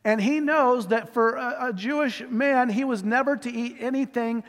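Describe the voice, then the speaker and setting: A male pastor preaching a sermon in a relaxed, conversational way, reading scripture aloud and explaining it with casual fillers. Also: very high-pitched, normal speed. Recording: long reverb of a church hall.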